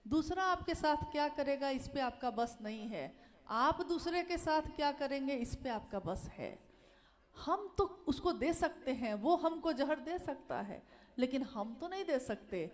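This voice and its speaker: High-voiced woman preaching earnestly. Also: a little mellow. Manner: earnest and exhorting, repeats phrases, acts out quoted speech. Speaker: religious speaker. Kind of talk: devotional sermon to a gathering.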